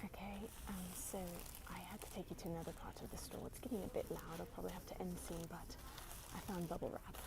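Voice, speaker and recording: A young woman softly whispering through an ASMR walkthrough of a store, naming the items one by one on a handheld phone. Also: lowish voice, level tone, quick pace, creaky. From United States. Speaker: ASMR creator. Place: inside a large retail store. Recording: loud background noise in a busy store. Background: store noise, people opening boxes.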